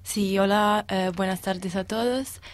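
A woman's voice: mid-range voice, steady tone, measured pace, no echo. Italian woman speaking careful Spanish. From Italy. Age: 20s. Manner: hesitant, searching for words. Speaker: guest, exchange student. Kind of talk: casual interview answers.

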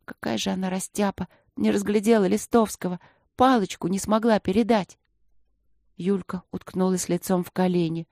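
Brief: woman audiobook narrator, mid-pitched, steady delivery, dry close sound. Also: moderate pace, vocal fry, dry recording. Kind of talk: audiobook reading of a children's novel.

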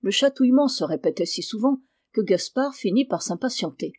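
A woman reading a classic children's novel aloud, in a clear, measured way. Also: mid-range voice, lively intonation, a little mellow, no echo, studio quality. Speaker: reader.

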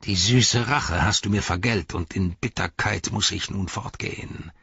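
A man's voice: low voice, gravelly, fairly bright tone, breathy edge, no echo, heavily acted. A man voicing a cruel, spiteful old wizard who sneers and mocks, in a dry, slightly dull recording. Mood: bitter. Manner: mocking, drawn-out, taunting.

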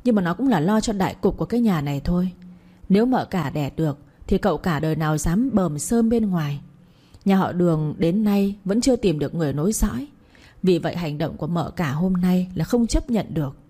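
A woman's voice: on the low side, lively intonation, brisk, dark tone, husky. A woman doing a wrathful old matriarch. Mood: scolding. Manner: scolding, commanding. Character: domineering elderly matriarch, harsh and wrathful.

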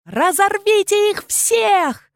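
A woman's voice: on the high side, lively intonation, unhurried, dry recording, clean studio sound, pitched above the performer's own voice. A woman voicing a scheming, cruel dragon queen in an audiobook, gloating and shrieking her commands. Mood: commanding. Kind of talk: audiobook character reading.

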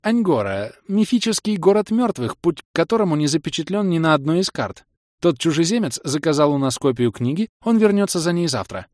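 A man's voice: a little high, lively intonation, darkish tone, no echo, voice pushed up, natural voice. Audiobook: dignified old lady gnome librarian, raised and lofty, man doing her voice, dry studio sound. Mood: formal, conspiratorial. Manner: formal, measured, lofty speech. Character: stern grey-haired female gnome librarian, dignified.

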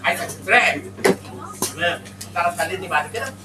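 A man with an Egyptian Arabic accent giving a classroom lecture, animated and teasing, mixing English terms into his speech. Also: sits high, fast. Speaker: accounting lecturer. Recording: echoey room miked from a distance with background noise.

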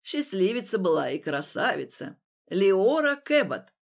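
Brief: woman doing a blunt old granny for a fantasy audiobook, low, loud and deliberate. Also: sing-song, creaky, heavily acted. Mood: gruff. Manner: brusque, scolding. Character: gruff kindly old village woman.

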